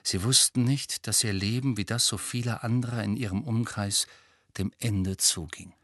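A man reading a novel aloud as an audiobook narrator, measured and expressive. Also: lowish voice, no room sound, studio quality.

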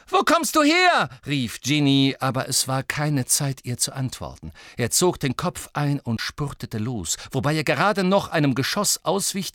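A male audiobook narrator with a lively, swooping voice reads a gripping story with dramatic tension. His delivery is close and dry, with no room sound around it. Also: dry recording. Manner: tense, dramatic reading that speeds up and drops low with the action.

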